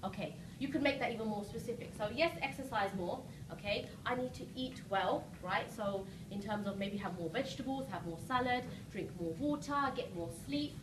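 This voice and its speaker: A woman giving a rousing, emphatic motivational seminar talk as a coach, often checking in with short questions. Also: high voice. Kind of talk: motivational seminar speech to a live audience. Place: live seminar room with audience. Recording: roomy echo, distant mic, noisy background.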